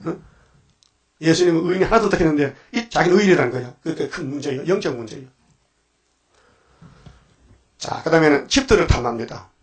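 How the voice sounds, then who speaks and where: A man's voice: on the high side, lively intonation, racing. An older man preaching a dawn sermon as pastor, firing off rhetorical questions and sudden emphatic bursts.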